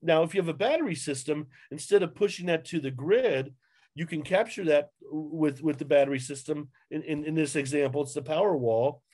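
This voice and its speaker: A man's voice: a little high, darkish tone. A man presenting a webinar over a video call, talking through slides with frequent fillers and restarts. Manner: halting, many fillers and restarts. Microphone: webcam on video call.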